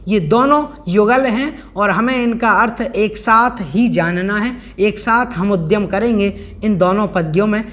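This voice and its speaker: A man teaching an online scripture class, explaining verses word by word and chanting them slowly. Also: high voice, fairly bright tone. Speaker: religious teacher.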